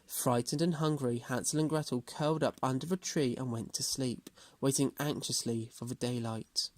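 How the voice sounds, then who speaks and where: A man's voice: medium pitch, fairly even intonation, normal speed, no echo. A man reading a children's storybook aloud as a storyteller.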